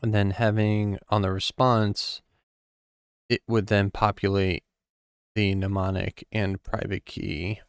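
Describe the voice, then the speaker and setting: A man thinking aloud while he codes on a live stream, musing in a halting way with many pauses and ums. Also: lowish voice, flat delivery, vocal fry, clear, resonant tone, dry recording, clean studio sound. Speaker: programmer streaming a coding session.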